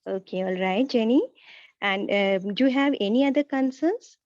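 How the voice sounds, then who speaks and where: A woman speaking as a nurse in a practice role-play, reassuring and polite, with a halting, hesitant delivery. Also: fairly high pitch, a little mellow, dry recording. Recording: slightly dull, lo-fi audio.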